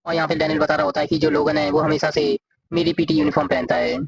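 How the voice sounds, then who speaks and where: A man narrating a comic story in a casual, rapid, run-on retelling, reading the characters' lines aloud as he goes. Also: a little high, sing-song, creaky, breathy edge, highs cut off.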